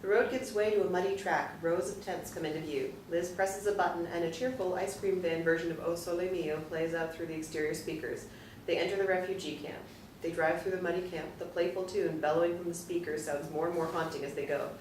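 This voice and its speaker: A woman reads out a screenplay's stage directions in a calm, matter-of-fact way, with a somewhat low voice. She sounds far from the mic in a very echoey room, with a faint hiss behind her. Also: brisk. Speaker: narrator. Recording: roomy, distant from the mic, faint noise.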